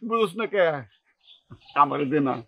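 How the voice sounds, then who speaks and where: An actor playing a melodramatic, wheedling middle-aged brother-in-law in a TV drama, speaking in a colloquial dialect. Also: male voice, fairly high pitch, animated, unhurried, vocal fry, pushed and bright, no room sound, highs cut off, exaggerated voice. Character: sulking middle-aged brother-in-law, scheming and self-pitying. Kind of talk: TV drama acting.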